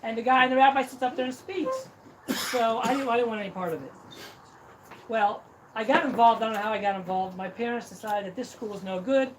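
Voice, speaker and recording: Fairly quick and expressive, this middle-aged man from Cincinnati, Ohio, has a very high voice. He's a speaker at a celebration, poking fun at himself as he shares a personal story with the crowd, recorded from afar in a noisy hall.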